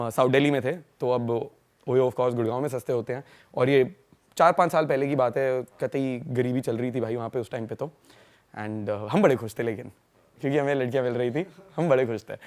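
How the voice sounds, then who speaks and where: A young man from India, a podcast guest, telling stories in a fast, slangy, casual way and laughing along. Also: mid-range voice, darkish tone. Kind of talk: casual storytelling chat.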